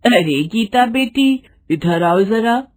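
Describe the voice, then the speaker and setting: A woman voicing a harsh, scolding middle-aged mother-in-law who shouts and taunts her daughter-in-law, in a storybook reading. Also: fairly high pitch, animated, slow, pitched above the performer's own voice. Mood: falsely sweet. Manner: shouting, taunting, mock-sweet with guests.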